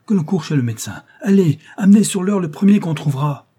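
A hot-tempered colonel bellows orders in a storybook reading, his voice climbing high and loud, as a male narrator puts him on. The tone stays dark and husky underneath. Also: animated, quick pace. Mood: furious. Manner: loud outbursts. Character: fiery male colonel, shouting in alarm.

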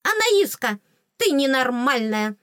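A woman voicing a small, cheeky female tooth fairy with a squeaky, teasing, excitable voice in an audiobook. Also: slow pace, no room sound, studio quality, exaggerated voice. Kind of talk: audiobook character voice.

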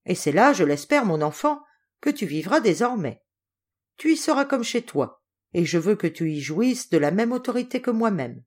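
A woman voicing an affectionate, gruff old Russian general in an audiobook, in a hearty, animated way. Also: mid-range voice, moderate pace. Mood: fond, hearty.

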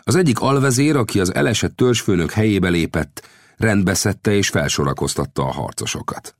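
A man narrating an adventure novel as an audiobook, in lively storytelling that rises with the action. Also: sits low, no echo, studio quality.

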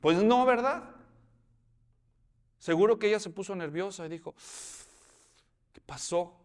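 A man's voice: high-pitched, moderate pace. A man preaching a sermon, acting out the scenes in voices and putting questions to his listeners. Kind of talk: expository sermon.

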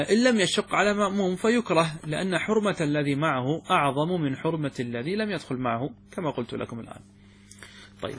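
A male teacher goes through a classical text line by line for his students. His voice sits a little high and has a husky edge. He repeats himself, restarts phrases, and keeps checking that they have understood. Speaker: sheikh teaching fiqh.

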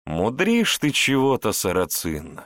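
A man voicing a gruff, wry grand prince. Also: fairly low pitch, wildly swooping pitch, measured pace, a bit bright, no room sound, clean studio sound, voice pushed up, heavily acted. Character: brusque grand prince, exasperated husband. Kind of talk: audiobook reading.

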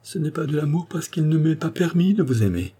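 A man's voice: fairly high pitch, expressive, fairly quick, warm tone, slightly rough, pitched above the performer's own voice. A man voicing an anguished young noblewoman torn by forbidden love, in an audiobook reading, pleading and exclamatory.

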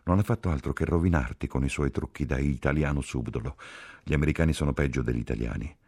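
A man's voice: extremely low pitch, fast talker, a little mellow, breathy edge, dry recording, heavily acted. A man voicing a distraught, reproachful woman nurse in an audiobook reading. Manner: reproachful, tearful outbursts.

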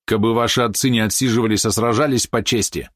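A man's voice: lowish voice, fairly even intonation, quick pace, a bit bright, no room sound, clean studio sound. A man reading aloud, voicing a proud, hot-tempered boy who answers with scorn. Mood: scornful. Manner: sullen, scornful retorts.

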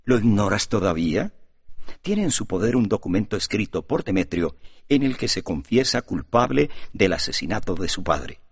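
A man voicing a proud, scornful young man with a husky voice, in an audiobook with a dull, lo-fi sound. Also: lowish voice, very animated, normal speed, exaggerated voice. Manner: curt and arrogant. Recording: dull lo-fi recording.

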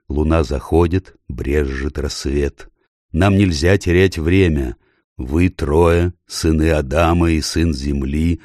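A man voicing a great noble male lion in an audiobook, speaking slowly and gravely in a deep, low voice. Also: a little mellow, dry recording, studio quality, full character voice. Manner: slow, grave, measured. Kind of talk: audiobook character voice.

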